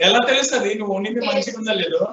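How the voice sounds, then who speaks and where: A man's voice: high-pitched, rapid-fire, sharp tone, slight background noise. A man with a Telugu accent teaching programming in a classroom lecture, questioning his students and prompting them to answer. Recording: echoey room, distant, dull lo-fi sound.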